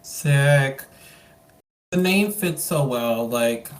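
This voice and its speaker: An interview host chatting casually, excitable and full of "like" and "um" fillers. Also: mid-range voice, extremely slow.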